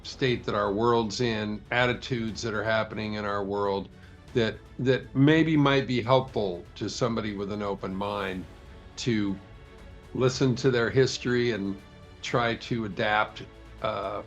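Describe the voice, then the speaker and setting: A male producer answering an interview question in a thoughtful, measured way. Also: lowish voice, faint music behind. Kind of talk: press interview.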